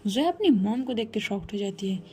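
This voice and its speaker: A woman's voice: mid-range voice, animated, brisk, a little mellow, slight background noise. A woman casually retelling a love story, chatting directly to her listener. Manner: chatty, addresses listener as brother.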